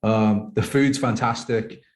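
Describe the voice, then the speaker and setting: A thirty-year-old British man, a professional poker player appearing as a podcast guest, tells personal stories casually and in a rambling way, saying "like" a lot. His voice is fairly low, with fairly even intonation and a slow pace.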